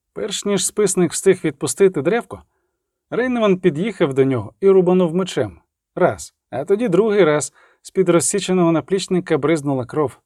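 A man's voice: on the high side, darkish tone, dry recording, clean studio sound. Man narrating a dramatic audiobook.

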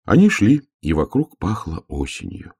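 A man reading a children's story aloud in an unhurried, softly expressive way. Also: fairly low pitch, breathy edge. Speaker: narrator. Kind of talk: scripted storybook narration.

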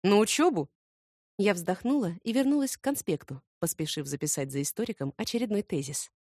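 A woman narrating an audiobook in first person, expressive and ironic. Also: lowish voice, fast talker, dry recording, clean studio sound.

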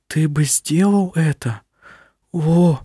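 A man's voice: lively intonation, normal speed, darkish tone, no room sound, clean studio sound. A man voicing spirited young woman Viljamu. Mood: wistful. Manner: raised pitch, emotional and pleading.

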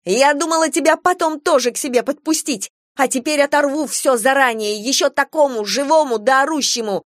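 A woman voicing a vicious young girl with a bratty, taunting, shrill manner. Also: fairly quick, few pauses, no echo, studio quality, lightly acted. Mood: tearful fury. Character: feral young girl turned vicious predator.

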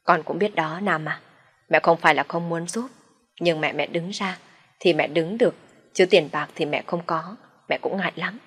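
Chị kể chuyện đọc bà mẹ trung niên kể khổ, nói lấp lửng. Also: female voice, fairly low pitch, moderate pace, fairly bright tone, husky. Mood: evasive. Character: evasive middle-aged mother, complaining.

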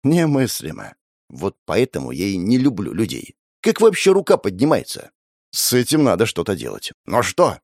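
A man's voice: mid-range voice, darkish tone, no echo. A man narrating an audiobook in the first person, with a wry, sardonic inner monologue on a close mic.

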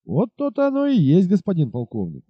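A man reading aloud, voicing a burly village innkeeper who gives advice in a folksy, unhurried way. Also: sits high, huge pitch swings, slightly rough, dry recording, voice pushed up, exaggerated voice. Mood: unruffled. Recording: dull lo-fi recording.

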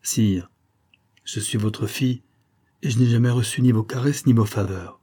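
A man's voice: mid-range voice, normal speed, dark tone, natural voice. A man reading an audiobook, voicing a bitter old former prisoner who urges and accuses with sombre energy. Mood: urging. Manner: insistent, sombre and urgent.

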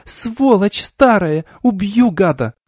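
Guy putting on a high shrill young woman, hot tempered, storybook style. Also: animated, moderate pace, warm tone, no echo, clean studio sound. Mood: furious shrieking. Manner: high shrill voice, swinging from bewildered to screaming. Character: young woman, quick-tempered orphanage brawler.

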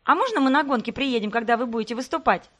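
Woman doing pushy twin girls, squeaky high, rapid-fire questions, storybook. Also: animated, a bit bright. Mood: eager chatter. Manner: rapid breathless questions, shrill. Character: lively teenage twin girls, chattering and pushy.

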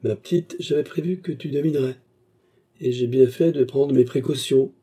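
A man's voice: medium pitch, moderate pace, dark tone, husky, pitched above the performer's own voice, close to an everyday voice. A man reading an audiobook, voicing a cold, commanding villainous baronet. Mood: menacing. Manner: cool, commanding.

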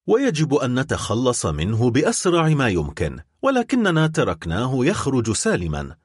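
A man's voice: medium pitch, slightly rough, no echo, studio quality. A man voicing a cold, sarcastic old male conspirator in an audiobook, taunting his son. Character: scornful old male Bonapartist conspirator, the father. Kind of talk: audiobook character reading.

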